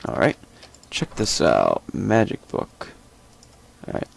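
Gravelly young man rambling over gameplay. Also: deep voice, huge pitch swings, takes it slowly. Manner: rambling, thinking aloud with many fillers; joking asides. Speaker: gameplay commentator. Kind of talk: casual let's-play commentary.

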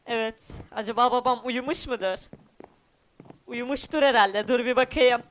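Casting: man doing a whiny runaway boy in a cartoon game parody, high-pitched and sulky. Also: moderate pace, fairly bright tone. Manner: whiny, sulking, talks to viewers.

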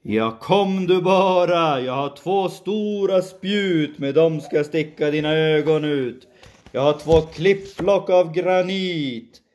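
A woman voicing a huge, bold male billy goat in a storybook reading, making loud, boastful threats. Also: low-pitched, pitched above the performer's own voice, close to an everyday voice. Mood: defiant.

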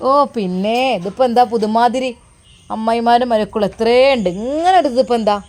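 A woman's voice: fairly high pitch, a little mellow, lightly acted. A woman putting on a sneering older neighbour. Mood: mocking. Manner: taunting, sneering, quick. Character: older female neighbour, mocking and spiteful.

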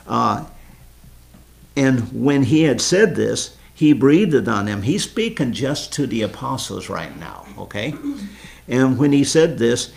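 A man's voice: mid-range voice, expressive, slow, gravelly, a little mellow. A man leading an informal Bible study, earnestly explaining scripture and quizzing his group.

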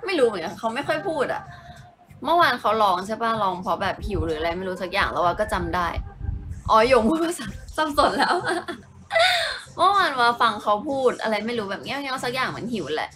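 A woman's voice: medium pitch, very animated, fast talker, fairly bright tone, slight background noise. Giggly young woman chatting on a live stream. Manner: giggly, chatty, answers comments as she reads them. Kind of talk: casual live-stream chat with viewers. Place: at home.

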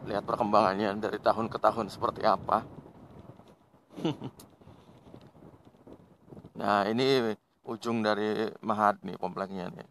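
This Indonesian motovlogger rides through rural roads chatting casually with his audience, relaxed and quick to laugh, calling them friends in spirit. His fairly low voice is a bit slow and often pauses, and a faint hiss or hum runs underneath.

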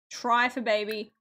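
A woman streaming a life sim game, chatting casually, swearing a lot and laughing loudly. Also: a little high. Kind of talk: casual gameplay commentary.

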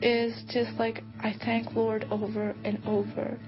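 A middle-aged woman tells her story in earnest, heartfelt words, her voice pitched a little high. The sound is dull and muffled, and music plays clearly underneath. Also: monotone, a little slow. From Bosnia. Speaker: testimony speaker. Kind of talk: personal testimony. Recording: muffled video clip with music behind.

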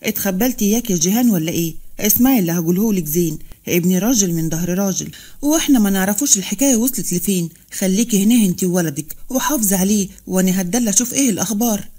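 A woman voicing a stern, proud middle-aged father from Upper Egypt, gruff and commanding, with an Upper Egyptian accent. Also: high voice, rapid-fire, warm tone. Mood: angry.

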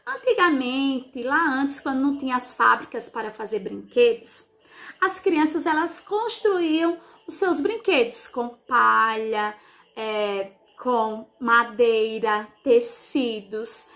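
A woman with a high, bright voice teaches a class of young children for a broadcast lesson. She talks slowly and in a sing-song way, stretching out sounds and asking little questions to keep the kids following. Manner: slow, sing-song teacher talk with diminutives. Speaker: primary school teacher. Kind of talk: televised remote class for children.

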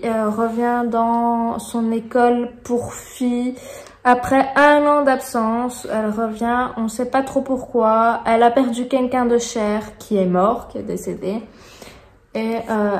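A woman's voice: on the high side, darkish tone, echoey room. A woman in her thirties with a Belgian French accent, frankly reviewing books in a casual, digressive vlog with many fillers. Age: 30s. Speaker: book vlogger. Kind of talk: casual book review monologue. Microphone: phone camera.

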